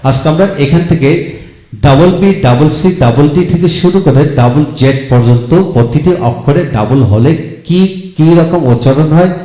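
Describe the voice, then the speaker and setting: A man teaches pronunciation at an unhurried pace, saying each example word over and over. His voice is dark and mellow, and it rings in an echoey room. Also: mid-range voice. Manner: slow, repeats each example word several times. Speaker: English teacher. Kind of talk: spoken pronunciation lesson.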